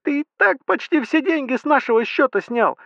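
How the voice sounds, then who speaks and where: A man voicing a furious wife screaming down the phone in a shrill voice. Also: expressive, fairly quick, creaky, bright, forceful tone, dry recording, lo-fi sound, exaggerated voice. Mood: furious shrieking.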